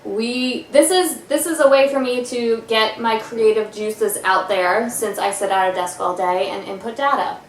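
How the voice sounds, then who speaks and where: A woman in her twenties hosts a casual podcast from her family's living room, next to an electric fireplace, teasing her guest and using lots of fillers. Her voice is on the high side at a moderate pace with few pauses. The sound is roomy, with slight background noise and poor audio quality.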